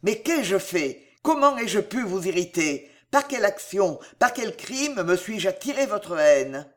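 A passionate young gentleman from an old novel, proud and pleading, speaking in earnest, declamatory phrases, voiced by a woman reader. His lines swing in pitch with feeling. This is an audiobook reading. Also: big pitch swings, measured pace.

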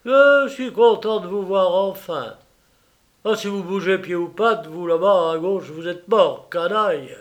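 A man voicing an older, furious, blustering millionaire who shouts threats and insults in a storybook reading. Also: sits high, slow, voice pushed up.

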